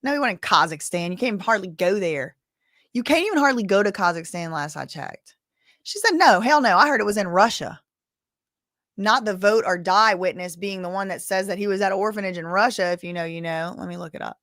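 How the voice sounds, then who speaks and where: A woman with a medium-pitched, fairly bright voice speaks in an animated, fairly quick way on a dry, studio-quality recording. She's hosting a casual livestream and recapping trial testimony. She chats away, reads the chat aloud, and reacts with gasps and exclamations.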